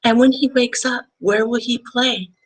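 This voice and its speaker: A woman voicing a curious mother in a picture-book read-aloud, asking gentle questions. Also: a little high, fairly even intonation, normal speed, voice pushed up, natural voice, poor audio. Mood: questioning.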